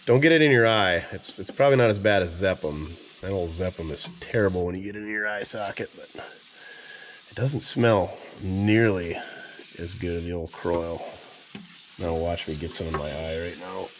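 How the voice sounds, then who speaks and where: Male mechanic host, low voice, lively swings, self-mocking asides, head-cam in a garage. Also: slight background noise. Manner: joking, self-mocking, muttering to himself while working. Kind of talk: casual first-person workshop narration.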